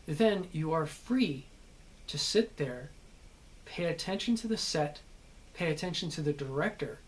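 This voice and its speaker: A man, an actor, giving an earnest instructional talk on building a character, repeating points as he explains. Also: on the high side.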